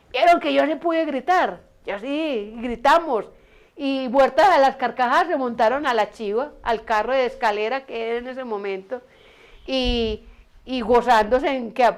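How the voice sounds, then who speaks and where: A woman's voice: fairly high pitch, moderate pace. An older woman with an Antioquian Colombian accent, casually telling a family story with many restarts and amused asides. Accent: Antioquian Colombian Spanish. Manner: meandering, frequent restarts, amused. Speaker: storyteller recalling her mother.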